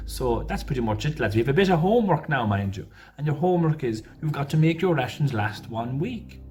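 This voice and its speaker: A man performing a comic sketch as a teacher, in a jolly, matter-of-fact lecturing way. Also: medium pitch. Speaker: comedy performer.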